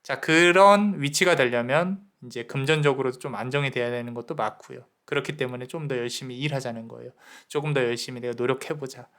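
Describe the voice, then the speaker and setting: A man giving a tarot reading, gently counseling the listener about love and self-worth and briefly acting out people's inner thoughts. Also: medium pitch, brisk, few pauses. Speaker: tarot reader. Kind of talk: tarot reading advice to viewers.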